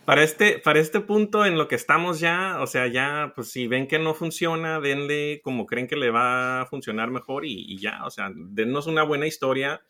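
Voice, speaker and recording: Bright-voiced laid-back man. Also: a little high, normal speed, hardly any pauses. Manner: relaxed, trails off with fillers. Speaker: podcast co-host. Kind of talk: casual chat.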